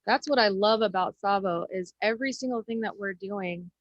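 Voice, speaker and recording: Woman host, mid pitch, bright and welcoming, pitching her group. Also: moderate pace, no echo, lo-fi sound. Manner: upbeat, welcoming, promotional. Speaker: class host. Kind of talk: hosting an online class.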